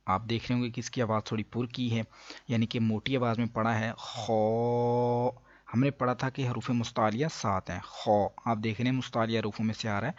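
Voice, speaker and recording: A man teaching a Quran reading lesson. He explains each rule, then slowly drawls out the letter sounds for the listener. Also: mid-range voice, dry recording. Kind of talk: step-by-step recitation lesson. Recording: dull dry lo-fi recording.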